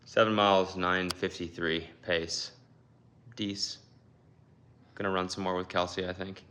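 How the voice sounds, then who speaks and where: A man's voice: deep voice, flat delivery, a little slow, pushed and bright, slight background noise. A young man casually vlogging about his training, self-mocking, laughing often and swearing freely. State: out of breath after a run.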